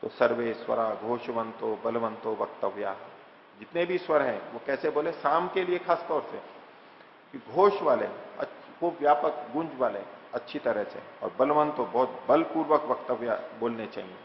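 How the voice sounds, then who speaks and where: A man's voice: mid-range voice, lively intonation, a little hiss or hum. Man lecturing on scripture in an echoey hall. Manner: recites verses slowly, then explains plainly with rhetorical questions. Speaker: teacher of scripture. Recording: echoey hall, dull lo-fi sound.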